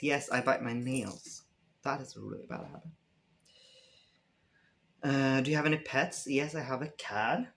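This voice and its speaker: Young swedish guy answering fan q's, loose and rambly, lots of ums, mid pitch. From Sweden. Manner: relaxed, rambling, many fillers and restarts. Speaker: vlogger answering fan questions. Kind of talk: casual Q&A chat.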